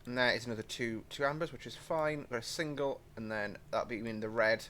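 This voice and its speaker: With a sharp tone and a medium pitch, a young British man talks a little fast while playing a train sim for his gaming channel. He's rambling and chatty, offering apologetic asides, and a little hiss or hum sits in the recording.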